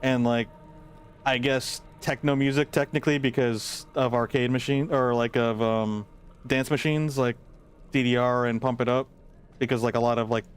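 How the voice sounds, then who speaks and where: A man's voice: medium pitch, clear, resonant tone. A man streaming a game, chatting casually and rambling with lots of fillers. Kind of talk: casual gameplay chat.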